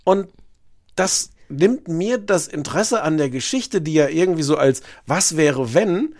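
A man co-hosting a podcast, chatting in a dry, measured way about a TV series. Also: on the high side, lively intonation, darkish tone. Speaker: podcast co-host. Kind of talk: casual chat reviewing a TV series.

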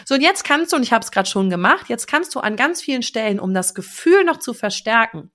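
A woman's voice: a little high, very animated, fast talker, fairly bright tone. Enthusiastic, slangy woman podcast coach. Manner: enthusiastic and slangy, with lots of exclamations; addresses the listener directly. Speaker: podcast host and manifestation coach. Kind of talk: casual coaching monologue.

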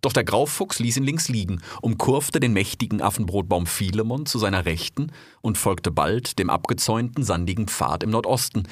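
A man's voice: on the low side, expressive, normal speed, no echo, clean studio sound. A man narrating a story in long, flowing descriptive sentences.

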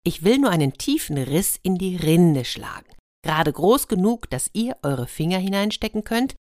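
A woman's voice: on the low side, big pitch swings, moderate pace, darkish tone, dry recording, studio quality, voice pushed up. A woman voicing a clever, determined young shepherd boy in a fairy tale, speaking firmly.

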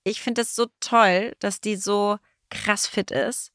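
A woman co-hosting a podcast, talking in a quick, emphatic way with lots of agreeing fillers. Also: mid-range voice, fairly even intonation, a bit bright, no room sound, studio quality. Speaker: podcast co-host. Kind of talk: casual chat.

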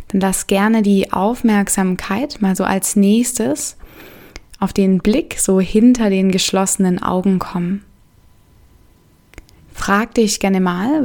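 A woman leading a guided meditation in a soft, soothing way, leaving gentle pauses between phrases. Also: mid-range voice.

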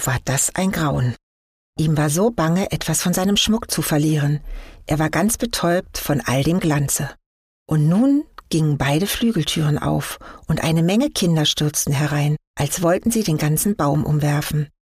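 Brief: woman reading a fairy tale aloud, calm and measured, husky, dry close recording. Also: low voice, no room sound. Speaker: story reader.

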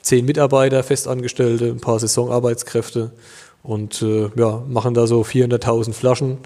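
Recorded in a large hall, a thirty-something winemaker from Germany talks at normal speed in a mid-range voice. He answers interview questions casually and hesitantly, with plenty of fillers.

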